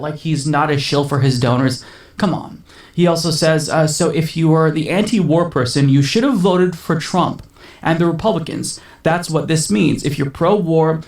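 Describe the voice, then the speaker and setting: A man's voice: fairly high pitch, far from the mic. A man co-hosting a political chat show, talking in long, sarcastic, indignant runs. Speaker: podcast co-host. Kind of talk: casual political commentary. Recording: echoey room, away from the mic.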